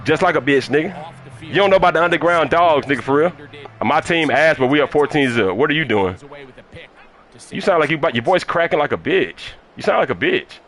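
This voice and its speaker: Man, gaming streamer, mocking repeated taunts, slightly high voice, very animated pitch. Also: a little fast, soft background music. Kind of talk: live game stream trash talk.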